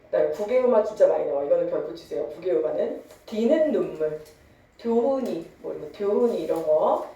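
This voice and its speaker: A woman's voice: on the low side, animated, fast, mellow, heavy reverb, recorded from a distance, dull audio. A young woman teaching a literature lecture, chatty and teasing, mixing casual and polite speech. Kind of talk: online lecture.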